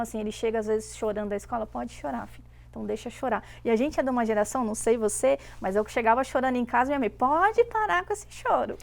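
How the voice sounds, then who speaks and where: A woman in her thirties, chatting casually as a mother and telling stories with lively quoted voices. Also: on the high side, gravelly. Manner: animated storytelling with voiced quotes. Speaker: guest mother. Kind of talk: casual chat.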